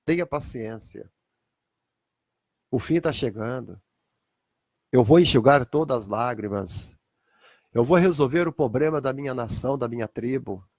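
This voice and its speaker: A man preacher voicing Jesus as a gentle comforter, speaking low and hushed. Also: expressive, unhurried, long pauses, dry recording. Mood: consoling.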